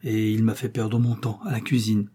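A man's voice: fairly low pitch, level tone, normal speed, breathy edge. Man doing Samuel, a timid frightened husband. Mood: hushed. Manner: meek and hushed, pleading.

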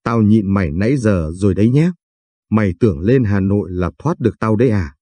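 A man's voice: fairly low pitch, animated, fairly quick, mellow, no echo. A man reading the part of a brash young husband who swears and bullies. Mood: contemptuous. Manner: coarse, swearing and bullying.

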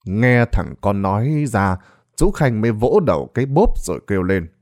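A man's voice: on the low side, big pitch swings, normal speed, a little mellow. A man reading a ghost story aloud in a dramatic storytelling manner. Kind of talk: scripted narration.

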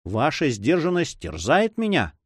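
A man's voice: medium pitch, very animated, normal speed, dry recording, voice pushed up, close to an everyday voice. A man voicing an eager young nobleman in love who pleads impatiently.

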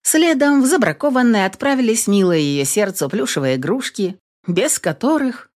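A woman reading a first-person novel aloud in expressive, lively storytelling style. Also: fairly high pitch, moderate pace. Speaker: audiobook narrator. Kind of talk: scripted first-person audiobook narration.

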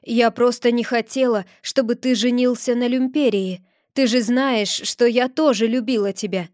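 A woman's voice: a little high, steady tone, normal speed, darkish tone, no echo, clean studio sound, lightly acted. A woman reading an audiobook, voicing a guilty, scheming witch who pleads defensively. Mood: pleading.

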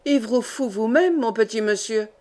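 A woman doing a gruff mocking giant doorman. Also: fairly high pitch, normal speed, darkish tone, lightly acted. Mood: mocking threat. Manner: mocking, threatening. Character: huge gruff male doorman, menacing.

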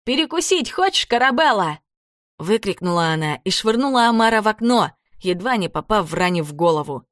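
A woman reading a children's adventure story aloud as narrator, in a dramatic, expressive way. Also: on the low side, fairly quick, no room sound, clean studio sound. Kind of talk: audiobook narration.

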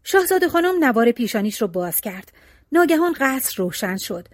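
A woman storyteller reads a folk tale aloud with an expressive, lilting delivery. Her fairly high voice swoops through a very lively melody. The recording is dry and close, with no room sound. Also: no echo. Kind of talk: storybook reading.

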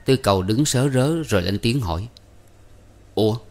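A man's voice: mid-range voice, expressive, brisk, a little mellow. Male storyteller reading a novel aloud. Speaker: narrator. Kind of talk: storybook narration.

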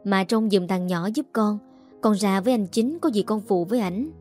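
A woman's voice: mid-range voice, normal speed, a little mellow, faint music behind, lightly acted. A woman voicing an anxious young village wife and mother, speaking urgently.

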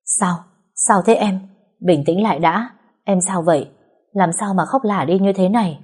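A woman reading a calm, gentle young man. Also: mid-range voice, normal speed, breathy edge, lightly acted. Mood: soothing. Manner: calm, soothing.

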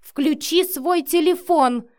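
A woman's voice: mid-range voice, lively intonation, moderate pace, lightly acted. A woman reading the lines of a short-tempered, domineering man who growls, swears and gives orders, in an audiobook. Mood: yelling.

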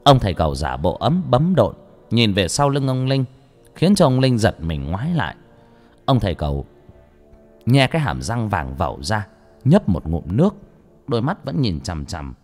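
Lively male storyteller. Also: lowish voice, normal speed. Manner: expressive storytelling. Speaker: audiobook narrator. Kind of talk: story narration. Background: faint background music.

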